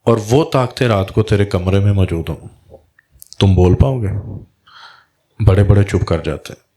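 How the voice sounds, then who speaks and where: A man with a fairly low voice gives a storytelling religious talk as a Sufi guide. He slips into quoted voices to act out the back-and-forth of the tale. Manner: recounts dialogue in lively quoted voices.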